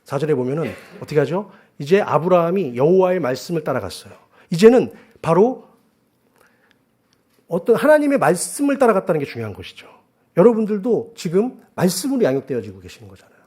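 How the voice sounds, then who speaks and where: Man, preacher, church sermon, earnest, raspy tone, loud peaks and quiet asides. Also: high voice. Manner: earnest, swings between loud emphasis and hushed asides. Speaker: guest pastor. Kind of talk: sermon with personal storytelling. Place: church worship service.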